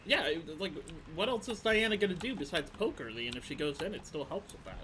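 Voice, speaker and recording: Young man, gaming host, casual chat, lively pitch, bit high, noisy background. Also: a little fast. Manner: animated, frustrated outbursts, many "like" fillers.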